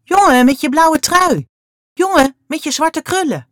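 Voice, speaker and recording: A woman voicing a stern, bossy young girl who calls out loudly in a high voice. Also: sing-song, normal speed, no room sound, clean studio sound. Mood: calling.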